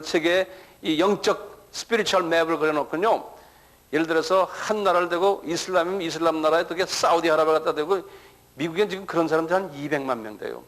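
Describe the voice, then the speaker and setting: High-voiced man preaching a lecture-sermon. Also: fairly bright tone, low-quality recording. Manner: keeps asking the audience "예?" and repeats words as he starts. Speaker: pastor. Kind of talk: sermon-style lecture to a congregation.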